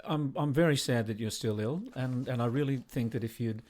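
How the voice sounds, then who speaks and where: Aussie guy co-hosting a podcast, mid pitch, chatty but kinda halting, repeats words. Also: darkish tone. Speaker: podcast co-host. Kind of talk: conversational podcast talk.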